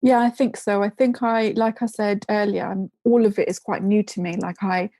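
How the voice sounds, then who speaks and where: A woman's voice: mid-range voice, fairly even intonation, moderate pace, mellow, dry recording. A woman guest chatting casually in an interview, rambling with restarts and giggling now and then. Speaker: podcast guest, ceramics business owner.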